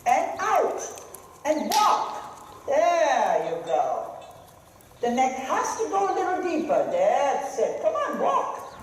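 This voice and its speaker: A riding instructor coaching live in a large arena, calling out short, brisk, projected commands. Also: high-pitched, huge pitch swings. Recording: very echoey hall, some noise.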